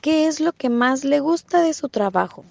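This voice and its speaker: Una mujer que hace preguntas breves y formales de entrevista. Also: female voice, high voice, lively intonation, normal speed, vocal fry, darkish tone. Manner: short, formal questions. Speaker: interviewer. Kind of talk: reading interview questions.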